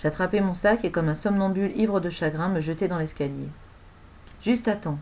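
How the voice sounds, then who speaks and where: A woman narrating a novel aloud in an expressive storytelling manner. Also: fairly low pitch, fairly quick, rough recording. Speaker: audiobook narrator.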